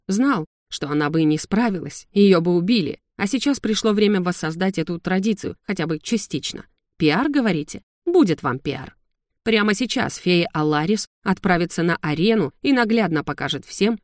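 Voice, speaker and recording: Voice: medium pitch, no echo, studio quality, close to an everyday voice. A reader voicing a furious lizard gargoyle king, a domineering father who roars and snarls sarcastically.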